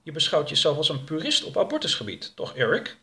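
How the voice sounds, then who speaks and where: A man's voice: fairly high pitch, huge pitch swings, fairly quick, pushed and bright, voice pushed up, exaggerated voice. A man voicing an eager, admiring woman politician in a storybook reading.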